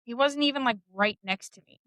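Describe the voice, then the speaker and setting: A woman's voice: on the high side, a little fast, fairly bright tone, dry recording, low-quality recording. A woman co-hosting a podcast, telling a personal story in a candid, blunt way, swearing and laughing often. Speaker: podcast co-host. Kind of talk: casual storytelling.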